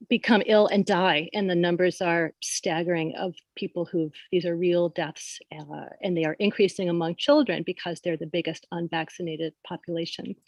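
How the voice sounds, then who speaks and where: A woman's voice: fairly low pitch, no room sound. Casting: middle-aged woman doctor, nervous, chatty with fillers, dry close video-call sound. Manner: nervous, conversational, many fillers, light laughs. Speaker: primary care provider. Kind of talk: public comment at a forum.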